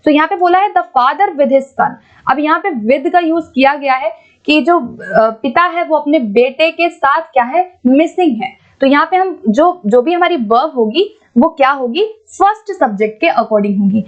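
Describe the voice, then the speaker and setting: A woman teaching an exam-prep lesson, patiently explaining and reading English questions out slowly. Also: high-pitched, lively intonation, lo-fi sound. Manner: explains patiently, repeats points, keeps checking with "ठीक है".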